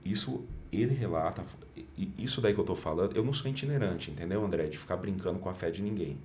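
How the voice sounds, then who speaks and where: A middle-aged man with a very low, deep voice tells an earnest testimony as a podcast guest. He acts out the lines he quotes as he speaks. A faint hum of room ambience sits behind him. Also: fast, darkish tone. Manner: earnest storyteller, often acts out quoted dialogue. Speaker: pastor and guest.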